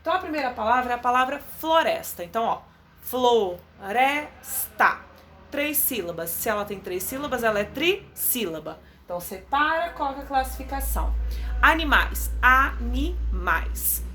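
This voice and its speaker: A woman teacher with a Brazilian Portuguese accent, giving a recorded class to young children and drawing out words slowly to sound out their syllables. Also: a little high, sing-song, pushed and bright, slight background noise. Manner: drawn-out, stretching words to sound them out for children. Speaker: primary school teacher.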